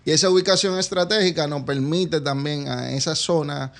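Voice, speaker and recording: Speaking at a normal pace in a gravelly, slightly high voice, a Dominican man with a Caribbean Spanish accent chats as an interview guest. He's a businessman with an advertising company.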